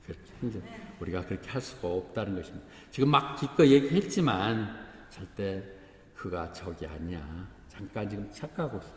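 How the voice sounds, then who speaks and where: Korean pastor preaching in echoey hall. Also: male voice, lowish voice, lively intonation, a little fast. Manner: conversational preaching, breaks into acted dialogue, chuckles at congregation. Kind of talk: sermon. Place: church sanctuary. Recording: echoey church hall, faint ambience.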